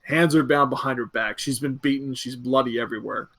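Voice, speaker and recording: A man's voice: medium pitch, fairly even intonation, fairly quick, sharp tone. A man narrating a tabletop game as game master, easygoing and descriptive, with fillers.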